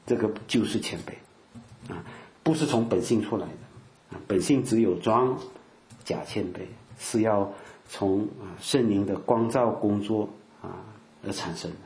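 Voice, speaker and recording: A man's voice: fairly low pitch, measured pace, a little mellow, reverberant. An older man giving a conversational sermon, full of filler particles and acted-out quotes. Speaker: preacher.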